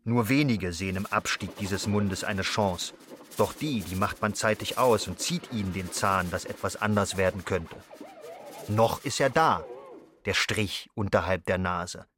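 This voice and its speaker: An actor speaking a brooding chorus part in a literary radio play in a declamatory way. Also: male voice, low-pitched, unhurried, fairly bright tone, a little hiss or hum.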